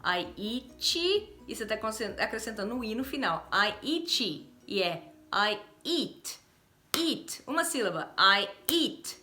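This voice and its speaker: A Brazilian woman teaching English in a casual online lesson, cheerful, laughing often and slowly drilling example phrases. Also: mid-range voice, expressive, bright, forceful tone. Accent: Brazilian Portuguese. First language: Portuguese.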